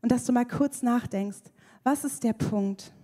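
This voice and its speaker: A woman giving a lively, playful sermon, acting out voices as she preaches. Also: on the high side, unhurried. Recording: reverberant hall.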